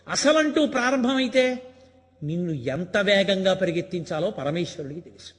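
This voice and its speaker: An older man gives a spiritual discourse in a high, ringing voice. He tells stories and drives his points home with emphatic rhetorical questions. His voice carries a long reverb from the hall around him. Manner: storytelling, emphatic and rhetorical, acting out quoted lines. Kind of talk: Telugu religious discourse.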